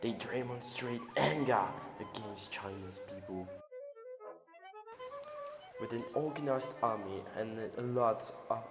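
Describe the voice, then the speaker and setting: Male old-newsreel narrator, low register, solemn announcer read, echoey hall, music bed. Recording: roomy long reverb over clear music.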